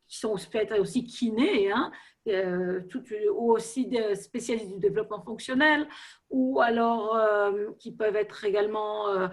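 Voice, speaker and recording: A woman speaks French as a second language with a foreign accent. She explains things unscripted in an online meeting, at a medium pitch, pausing to hunt for words and adding small tags to check she is understood. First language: not French. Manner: hesitant, searching for words, seeking agreement with tags. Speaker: therapeutic riding professional on a panel. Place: web video meeting.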